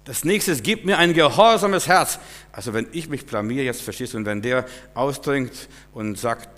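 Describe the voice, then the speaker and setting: A man preaching a sermon, swinging between loud exclamations and low, quiet asides. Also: animated, moderate pace. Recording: long hall reverb.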